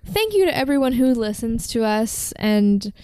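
A woman co-hosting a music podcast in casual chat, chatty and enthusiastic, slightly hoarse from talking. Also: fairly high pitch, big pitch swings, normal speed, darkish tone, dry recording. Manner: chatty, filler-heavy, enthusiastic about bands. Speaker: podcast co-host.

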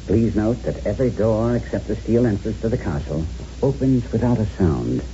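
Man playing courtly eccentric castle owner, dark swooping voice. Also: lowish voice, animated, moderate pace, faint music behind, lightly acted. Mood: courtly, musing. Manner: theatrical, courtly, musing. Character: genial eccentric male castle owner, a theatrical host. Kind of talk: 1970s radio drama acting. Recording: dull lo-fi radio recording, faint noise.

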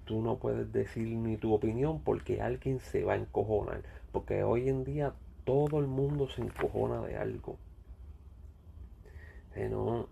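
A man's voice: lowish voice, fairly even intonation, measured pace, creaky, mellow, a little hiss or hum. A man with a Puerto Rican accent ranting bluntly in casual talk, swearing a lot and repeating himself. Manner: blunt, profane, repetitive ranting. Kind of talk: casual rant.

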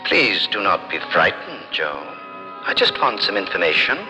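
An actor voicing a friendly, polite, reassuring alien visitor in a vintage radio drama. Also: male voice, sits low, big pitch swings, moderate pace, over music. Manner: polite, soothing, odd phrasing. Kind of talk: 1950s radio drama acting. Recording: old radio recording with long reverberation.

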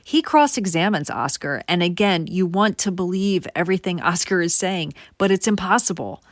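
A woman hosting a true crime show narrates a case casually and conversationally, speaking directly to her viewers. Her fairly low voice is animated at a moderate pace, captured in clean studio sound with no room noise.

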